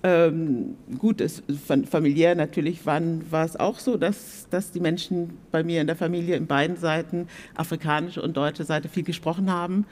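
A woman in her sixties, a guest on a theatre stage, telling her story in a reflective, animated way. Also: low voice, moderate pace, few pauses. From Germany. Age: 60s. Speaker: panel guest. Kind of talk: stage panel talk.

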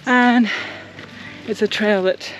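Hiking through a forest, a sailing vlogger in her middle years talks to a handheld camera at arm's length in a New Zealand accent, friendly and chatty as she shows viewers what she sees. She speaks slowly with a medium, steady pitch. The audio is poor, carrying some hiss or hum.

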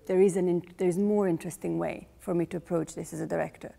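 A woman's voice: lowish voice, steady tone, fast, gravelly, mellow. A woman in her forties with a Croatian accent, a playwright and director explaining her work thoughtfully in an interview in a large rehearsal hall. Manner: thoughtful, searching for words. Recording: long hall reverb.

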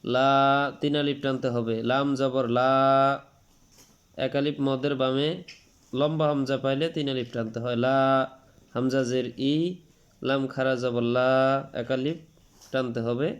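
A man with a smooth, medium-pitched voice gives a spelled-out tajweed lesson, naming each letter and vowel sign and stretching the long vowels as he recites. His delivery is flat and measured, with frequent pauses, and he patiently repeats every rule.

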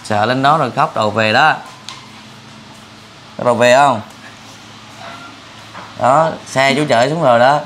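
A man's voice: mid-range voice, slow, long pauses, fairly bright tone, a little hiss or hum. A man hosting a charity vlog, chatting and joking with a family as he coaxes a boy to come to the city. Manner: coaxing, jokey, talks to the family. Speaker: vlogger, charity host. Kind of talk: casual chat.

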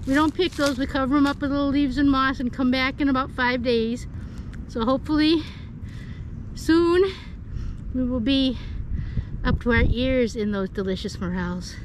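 A woman's voice: high voice, moderate pace, pauses often. An older woman chatting casually to camera while lying on the forest floor in open spring woods, filmed from a few feet away. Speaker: forager vlogger. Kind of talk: casual outdoor vlog. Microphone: camera set a few feet away on the ground. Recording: outdoor noise in the background.

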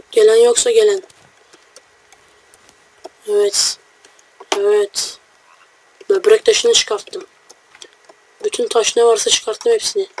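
A young gamer delivers casual, joking let's-play commentary to his viewers, brash and quick to swear at enemies. His voice is high-pitched and a little mellow.

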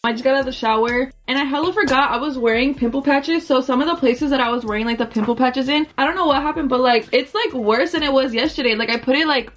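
Young woman vlogger, high bright voice, chatty and slangy, casual get-ready talk in a small bedroom. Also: fast talker, few pauses, a little hiss or hum. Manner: chatty, filler-heavy, slangy, laughs easily. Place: small pink bedroom indoors.

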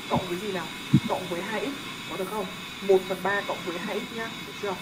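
A young male tutor rattles through a math lesson at a quick clip, casual and joking as he keeps checking that his students follow. Loud background noise sits under his voice throughout. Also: high-pitched, steady tone.

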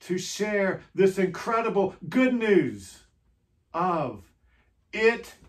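A pastor leads a quiet Holy Week meditation at a strikingly slow pace, letting each short phrase hang before the next. The pitch rises and falls in lively swings as questions are put to the listener. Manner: gentle, unhurried, with many rhetorical questions to the listener; speaks in short phrases with long pauses.

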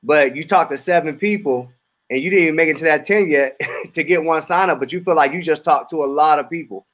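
Male trainee on a video call, slightly raised pitch, works through his answer aloud. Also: a little fast, fairly bright tone. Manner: thinks aloud with fillers and restarts.

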